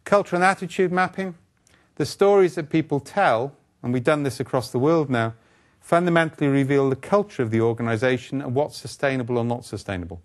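An older man gives a keynote lecture on a conference stage, speaking into a lapel mic. He talks in a brisk, wry and blunt way, scattering asides and rhetorical questions through his points. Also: mid-range voice.

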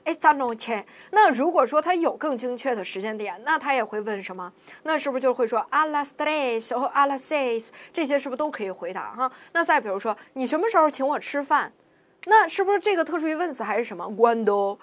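A woman teaches a language lesson in a high, animated voice. She keeps asking rhetorical questions and checking that her students follow. She talks quickly. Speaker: Spanish teacher. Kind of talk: classroom lecture.

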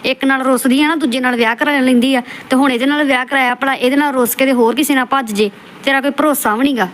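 In scolding commentary over clips, a woman who hosts a roast channel insults the subject with a lecturing, scornful attitude. Her voice is high with fairly even intonation, and she talks fast.

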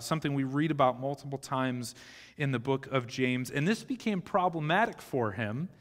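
A man's voice: fairly high pitch, fairly bright tone. A man in his thirties, a pastor, giving a conversational teaching sermon on a church stage with a live audience. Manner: conversational teaching with occasional restarts, gesturing on stage. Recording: long hall reverb of a church sanctuary.

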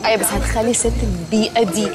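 An actress playing an indignant, snobbish rich young friend in a TV comedy, in posh Egyptian Arabic mixed with English. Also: female voice, medium pitch, very fast, loud music behind the voice, lightly acted. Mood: indignant, goading. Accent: Egyptian Arabic, affected upper-class with English phrases. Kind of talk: TV comedy acting.

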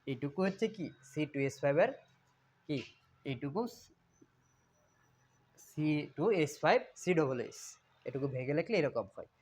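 Male chemistry tutor, slightly high voice, repetitive question-and-answer delivery. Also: lively intonation, normal speed, pauses often, a little mellow, breathy edge. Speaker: chemistry teacher. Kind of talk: classroom lecture.

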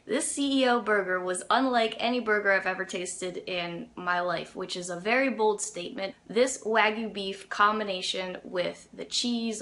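A woman's voice: mid-range voice, a bit bright. A young adult woman hosting a food review, talking casually to camera with lots of "you know" and "like". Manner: chatty, with fillers like "you know" and "like".

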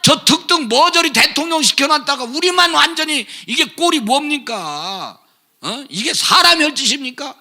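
A man preaching a fiery, scolding sermon, shouting and sarcastic, swinging from loud outbursts to low mutters. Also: animated, normal speed.

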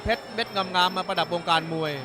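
A man with a high voice delivers excited boxing commentary on a live Muay Thai fight. He calls the action as it happens, with loud music playing behind him. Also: fast.

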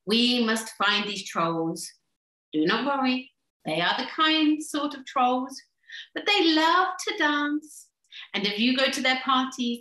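A woman's voice: high-pitched, pushed and bright, roomy sound, full character voice, low-quality recording. A woman voicing a sly, clever male fox who patiently explains what must be done, in a storybook reading.

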